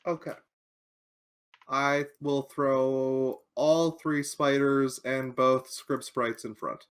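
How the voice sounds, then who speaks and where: A woman's voice: a bass voice, steady tone, drawn-out words, smooth. A woman playing a card game on stream, explaining moves step by step with dry sarcasm. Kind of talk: casual game-night chat.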